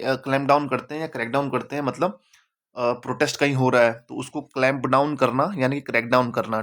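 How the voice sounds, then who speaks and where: Male teacher, casual chatty explainer who repeats key words, mid-pitched. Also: fairly bright tone. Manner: chatty, mixes English terms into Hindi, repeats words for emphasis.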